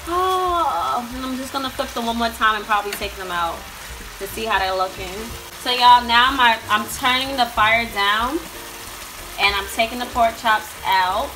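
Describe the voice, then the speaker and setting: In a rough recording, a young woman's slightly high voice narrates her home cooking vlog, chatting to y'all about each step. Music plays and food sizzles in the background.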